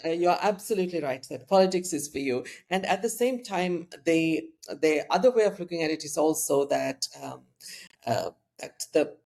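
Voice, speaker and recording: An interview host asking thoughtful questions in a measured, reflective way, with frequent fillers. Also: medium pitch, darkish tone. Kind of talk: interview conversation.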